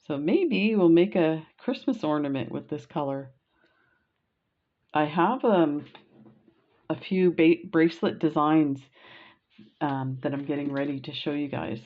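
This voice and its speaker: Unboxing a bead haul in casual chat, a middle-aged Canadian beading vlogger speaks slowly in a low voice, gushing and full of small fillers. The home recording has a dull, lo-fi quality.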